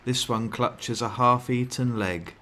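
A man's voice: medium pitch, slow, sharp tone. A man reading scripted narration in the style of a nature documentary.

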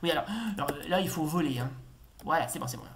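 A man's voice: a little high, fast talker, creaky, fairly bright tone. Man, retro gamer doing live commentary; rambling, filler-heavy, bursts of repeated warnings, faint noise and key clicks behind. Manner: rambling, many fillers and repeated exclamations while playing. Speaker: retro game reviewer. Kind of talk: casual gameplay commentary.

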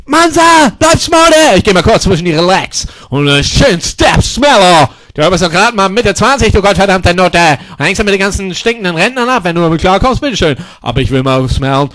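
A man performing a crude comedy sketch, hurling insults and mixing English words into his talk, with catchphrases stretched into drawn-out yells. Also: high voice, lively intonation. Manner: repeats catchphrases in a drawn-out yell.

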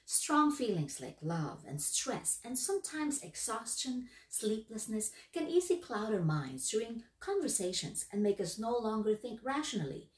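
A woman giving instructional narration on workplace skills in a lively, emphatic, instructive way. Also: a little high, normal speed, hardly any pauses. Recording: echoey room, voice from far off.

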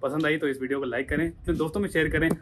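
A man's voice: a little high, steady tone, rapid-fire, noisy background. A man hosting a pet vlog, chatting casually outdoors with viewers and friends. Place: outdoor animal setup.

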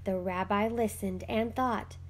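A woman narrating a children's picture book aloud with slow, expressive storytelling. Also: medium pitch.

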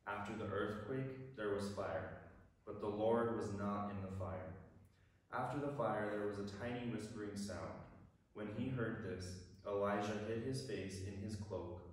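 Man reading scripture in cathedral echo. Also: measured pace. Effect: heavy church echo from a distant mic. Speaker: lector at Mass. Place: large church. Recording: echoey church hall, distant mic, faint rumble.

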